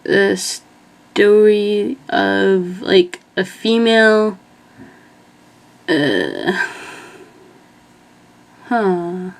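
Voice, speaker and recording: A young woman chats casually in a meandering way, retelling movie scenes and filling her talk with "like." Her mid-range voice is expressive and gravelly, and she speaks very slowly with long pauses in this rambling commentary.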